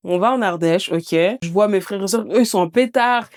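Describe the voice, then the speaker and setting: A woman's voice: mid-range voice, fairly quick, darkish tone. Candid young woman telling her story. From Mayotte. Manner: colloquial and candid, swears, acts out the voices of others. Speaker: podcast host sharing her life story. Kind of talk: casual personal storytelling.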